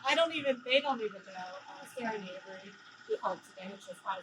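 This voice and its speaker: A woman hosting a casual chat inside a car, bubbly and quick to laugh. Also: a little high, lively intonation, background noise. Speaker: host.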